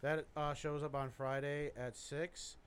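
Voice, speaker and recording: A young man co-hosting a casual podcast, dry and deadpan. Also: on the high side, unhurried, slight background noise. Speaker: podcast co-host.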